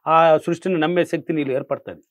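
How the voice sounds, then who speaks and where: A man's voice: fairly high pitch, fairly even intonation, very fast, dry recording, studio quality. A man, a money affirmation coach speaking as an interview guest, emphatic and repetitive, quizzing his listener.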